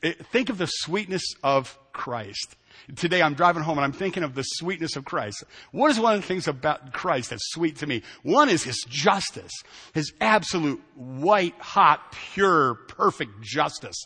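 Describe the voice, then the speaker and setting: A man preaching a sermon, swinging between emphatic near-shouted points and casual, joking asides. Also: a little high, expressive, normal speed, slightly rough, in a large hall. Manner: conversational asides and sarcasm. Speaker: pastor.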